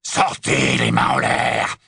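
A man voicing a raspy, rough man threatening from the dark, slow and menacing, in an audiobook. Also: a bass voice, very animated, no room sound, studio quality, voice pushed down, full character voice. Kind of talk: audiobook character voice.

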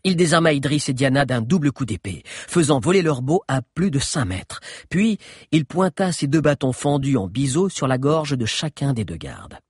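A man narrating an adventure audiobook in an expressive storytelling manner. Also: mid-range voice, normal speed, husky, no room sound, studio quality.

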